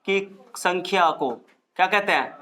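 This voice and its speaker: A man's voice: high voice, measured pace, sharp tone. A male physics teacher lecturing a classroom, repeating key terms and firing questions at his students.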